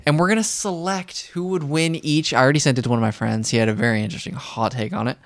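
A young man rambles through a casual podcast chat, laughing easily as he talks. His voice is smooth and clear. It sounds dry and close, with no room echo. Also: mid-range voice, quick pace. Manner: chatty, rambling, laughs often. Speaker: podcast host.

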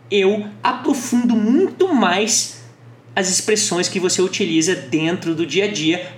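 A woman teaching English to Portuguese speakers, slowing down her model phrases for the listener to repeat. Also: fairly low pitch. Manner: slow, drawn-out model phrases for repetition. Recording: echoey room with faint music.

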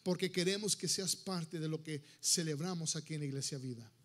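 A man preaching a sermon in a church, animated, dropping into English and acting out little everyday scenes. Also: a little high, a little fast. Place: church sanctuary.

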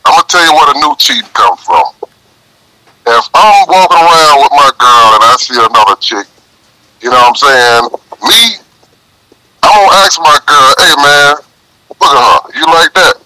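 A man's voice: a little high, animated, normal speed, long pauses, bright, forceful tone, poor audio. A man calling in over a speakerphone, chatting casually and in slang, often asking "you know what I'm saying". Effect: heard over a speakerphone. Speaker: caller. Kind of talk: casual call-in chat.

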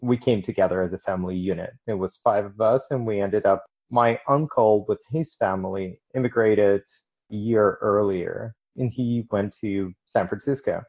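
A man from Ukraine who moved to the United States as a young adult, answering interview questions in a measured, explanatory way. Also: on the low side, darkish tone. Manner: measured, explanatory, with occasional restarts. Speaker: interview guest.

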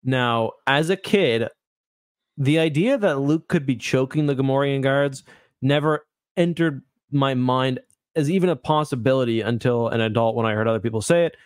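A man talks casually as a podcast co-host, working through a long explanation with restarts and asides. His voice sits in a middle pitch. The sound is dry and close to the microphone. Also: no room sound. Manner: rambling, self-correcting explanations. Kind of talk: casual chat.

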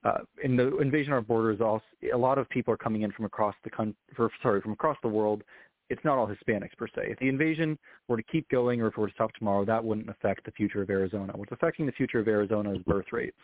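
Fast-talking low-voiced man on a phone line. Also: no echo. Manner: fast, earnest, self-correcting. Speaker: political consultant guest. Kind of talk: interview answer. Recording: dry, tinny phone-line sound.

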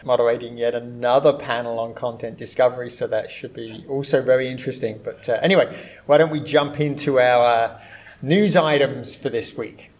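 A man, a podcast co-host, chatting in a measured way with many "uh" pauses. He talks from a quiet room at a conference venue, and his voice sounds echoey. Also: mid-range voice, steady tone. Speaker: podcast co-host and video industry analyst. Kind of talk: casual podcast chat.

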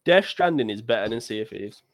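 Deadpan man with contrarian quips. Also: lowish voice, fairly quick, no room sound, clean studio sound. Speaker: podcast co-host. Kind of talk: casual banter.

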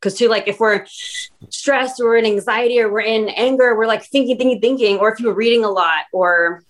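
A woman's voice: fairly high pitch, fairly quick. A woman guest speaking casually and earnestly, rambling with lots of fillers as she explains her daily practices. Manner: earnest, rambling, heavy use of "like". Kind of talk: casual podcast conversation.

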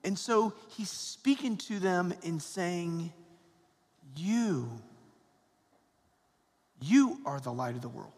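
Priest in a cathedral echo, high-voiced. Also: male voice, expressive, a little mellow. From Georgia, US. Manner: slow, measured reading, then chatty homily with "right?" asides. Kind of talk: gospel reading and homily. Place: large church. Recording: long church reverb, cathedral echo.

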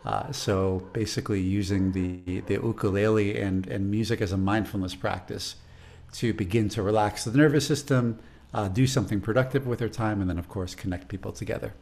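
Gravelly low-voiced man with a Chicago accent. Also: brisk, darkish tone. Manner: thoughtful, rambling, repeats words as he thinks. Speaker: music teacher. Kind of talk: casual interview talk.

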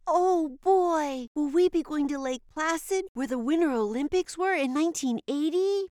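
A woman's voice: sits high, normal speed, a little mellow, no room sound, studio quality, lightly acted. A woman voicing an eager, chatty young girl traveller in a children's educational show, with broad singsong children's theatre delivery and easy amazement. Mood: excited, amazed.

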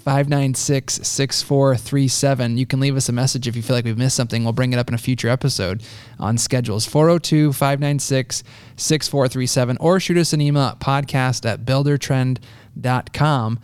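A man's voice: medium pitch, steady tone, normal speed, darkish tone, smooth, dry recording. Male podcast host, upbeat, mid voice, dry close sound. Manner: upbeat, wrapping up segments. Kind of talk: casual podcast chat.

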